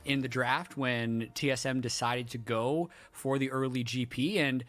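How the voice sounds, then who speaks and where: A man's voice: mid-range voice, fairly even intonation, a little slow, fairly bright tone. A man giving casual, analytical color commentary on a competitive video game. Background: music.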